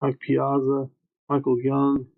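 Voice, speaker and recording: A man's voice: mid-range voice, completely flat delivery, slow, narrow, tinny audio. A man hosting a livestreamed trading card break, calling out names matter-of-factly in short clipped phrases.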